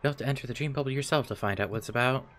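A man reading as a smooth dream salesman. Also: rapid-fire, a bit bright, close to an everyday voice. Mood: salesy. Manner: upbeat sales-pitch read-aloud. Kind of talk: reading game dialogue aloud.

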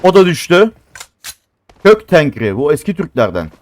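A man's voice: on the high side, sing-song, moderate pace. A man giving casual live commentary on a mobile shooter game, grumbling to himself and flaring into exasperated outbursts.

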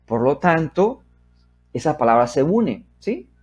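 A man gives a step-by-step English lesson, repeating phrases slowly and checking in with his students after each one. His voice is husky and a little high. The recording sounds dull and lo-fi. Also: big pitch swings. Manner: drills phrases slowly, then explains in Spanish with frequent "¿verdad?" checks; models English sentences slowly and loudly, then softly. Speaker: English teacher.

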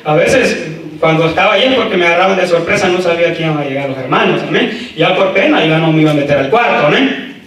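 A male preacher delivers a sermon straight to his congregation, dropping "amén" between phrases and climbing into loud, shouted exhortation. His voice sits high and sounds bright and sharp. It rings through a heavily echoing church, picked up from a distance. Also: expressive, quick pace. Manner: frequent "amén" interjections, talks straight to the congregation. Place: church sanctuary. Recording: echoey church from a distant mic.

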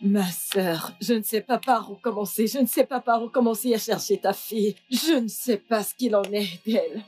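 A woman's voice: medium pitch, moderate pace, darkish tone, faint music behind, lightly acted. An actress dubbing a distressed woman who pleads her innocence and prays tearfully. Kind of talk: dubbed film drama.

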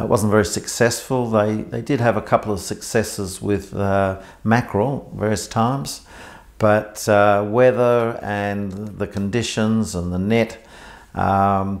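A man recounting fishing history informally, with halting restarts and fillers. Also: on the low side. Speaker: interviewee. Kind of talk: oral history recollection.

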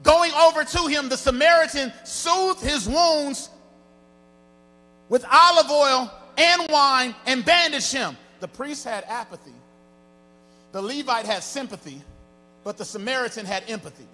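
A man's voice: extremely high pitch, unhurried, pushed and bright. A man in his forties preaching a sermon as pastor on a church stage, into a handheld mic, with a rising, half-sung preaching cadence. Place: large church stage with band gear and audience. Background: music.

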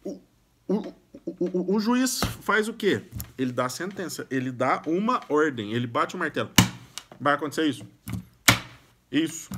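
A Brazilian man speaks casually but firmly to his viewers, pressing his advice home. His voice sits somewhat high for a man, and he sometimes catches on a sound and repeats it before he goes on. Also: animated, moderate pace, pauses often, noisy background. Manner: emphatic, exhortative, repeats sounds at starts of phrases. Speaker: YouTube speaker giving self-help tips. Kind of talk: casual direct-to-camera advice.

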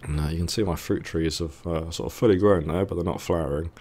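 A man's voice: low-pitched, fairly even intonation, fast talker, a little mellow, slight background noise. A man with a thick, sore-throated voice giving casual, hesitant let's play commentary, musing to himself as he goes. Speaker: gaming video host.

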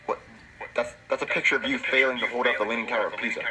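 A man's voice: mid-range voice, steady tone, rapid-fire, over music, natural voice, low-quality recording. A man voicing an exasperated, gullible puppet father in a comedy show, whiny and stammering when upset. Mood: puzzled.

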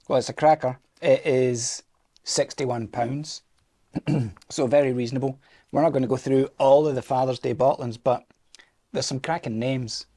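A man's voice: medium pitch, fairly even intonation, normal speed, dark tone, a little hiss or hum. A man co-hosting a podcast in casual chat, easygoing, often answering with short agreements. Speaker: podcast co-host.

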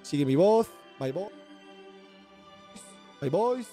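A man's voice: sits high, lively intonation, slow pace, mellow, soft background music. A man with a Spain Spanish accent, patiently guiding a teammate through a video game with repeated step-by-step directions. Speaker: gaming streamer guiding a teammate. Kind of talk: casual gameplay coaching.

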